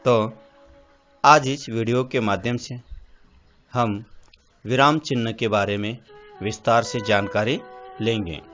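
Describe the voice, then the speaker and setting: Slow, deliberate male teacher. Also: mid-range voice, steady tone, fairly bright tone. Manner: slow and deliberate, spelling out lists item by item. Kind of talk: slow classroom lesson explanation. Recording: dull lo-fi sound with faint music.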